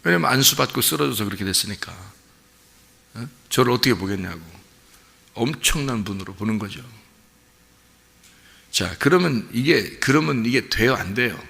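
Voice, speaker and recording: Pastor, male, gravelly and bright, sermon in a hall with long reverb. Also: mid-range voice, moderate pace, long pauses. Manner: storytelling, animated, addresses congregation with questions. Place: church sanctuary.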